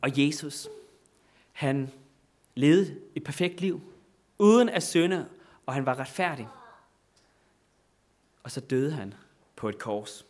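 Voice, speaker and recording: Danish preacher giving an impassioned sermon. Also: male voice, mid-range voice, animated, pauses often, a little mellow. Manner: rises to exclamations, repeats phrases, loose with fillers.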